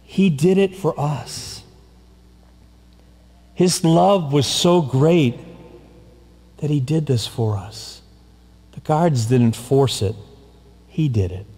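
With a warm, fairly high voice, a priest preaches a sermon from the pulpit of a big church, going slowly and solemnly with long pauses and repeated lines. The recording, from a far camera plus the pulpit microphone, carries a long church echo.

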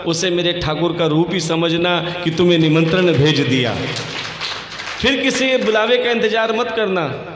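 A man's voice: high voice, a bit bright. A male religious storyteller giving a devotional sermon at a village gathering, fervent and addressing listeners as dear ones over a PA microphone. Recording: echoey hall with long reverb.

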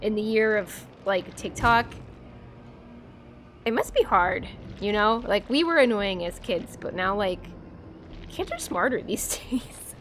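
A woman's voice: medium pitch, expressive, a little slow, a bit bright, slight background noise. A young woman from the East Coast of the United States with an American accent, chatting and giggling casually with her viewers during a game livestream. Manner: chatty and giggly, many fillers. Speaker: streamer. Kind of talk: casual livestream chat while gaming.

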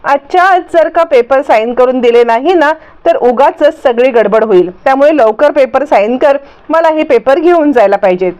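A woman's voice: sits high, animated, a little mellow. A woman reading the lines of a cunning middle-aged woman who coaxes and hurries someone along. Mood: coaxing. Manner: coaxing, hurried. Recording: dull lo-fi recording.

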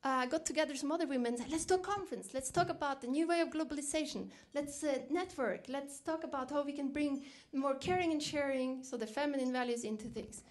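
She talks fairly quickly and barely pauses, her voice sitting high as she gives a reflective storytelling keynote at a dinner. The speaker is a middle-aged Norwegian woman who lifts her voice to quote herself.

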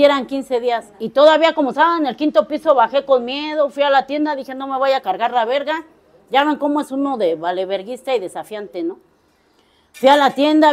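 A middle-aged woman with a Mexico City accent giving a personal testimony to a recovery group, telling her story bluntly and crudely with heavy slang. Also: high-pitched. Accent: Mexico City Spanish. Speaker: speaker at a recovery meeting.

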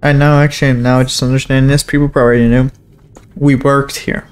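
A man's voice: medium pitch, flat delivery, a little fast, clean tone, faint music behind. A man giving casual gameplay commentary, reacting and talking aloud to the game as host. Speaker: gaming video host.

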